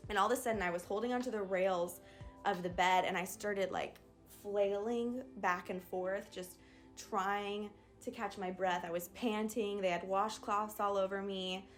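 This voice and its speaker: A woman's voice: medium pitch, a little slow, faint music behind. A young woman vlogger candidly retelling a birth story in a casual storytime. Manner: candid, animated retelling with acted quotes.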